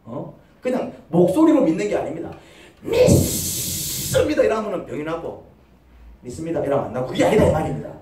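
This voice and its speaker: This pastor's high-sitting, mellow voice races along with big pitch swings as he preaches in a church sanctuary. He rattles off rhetorical questions and acts out short quotes. The echoey hall recording catches him far off the mic, with a little hiss or hum.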